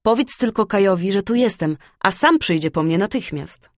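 A woman voicing an eager little girl who is looking for her friend, excited and earnest. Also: mid-range voice, normal speed, dry recording, studio quality, close to an everyday voice. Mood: pleading.

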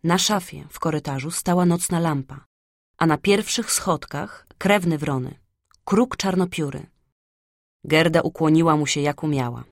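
A woman narrating a fairy tale in a soft, hushed storytelling manner. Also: sits low, moderate pace, vocal fry, no echo, clean studio sound. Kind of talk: storybook reading.

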